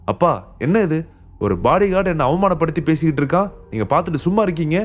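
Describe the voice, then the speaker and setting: A man's voice: on the high side, animated, fast, pitched above the performer's own voice, close to an everyday voice. A man voicing a spoiled, scornful rich young woman in an audio story. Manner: mocking, indignant.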